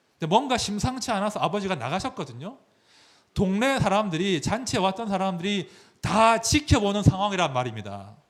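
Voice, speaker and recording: Animated male pastor preaching. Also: a little high. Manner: animated, explanatory, dramatizes scripture. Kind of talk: sermon.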